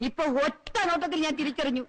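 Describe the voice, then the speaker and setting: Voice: high voice, fairly even intonation, fast talker, lightly acted. An actor playing an older, sentimental and gullible elder of a noble family in a film comedy. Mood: curious. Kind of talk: Malayalam film comedy acting.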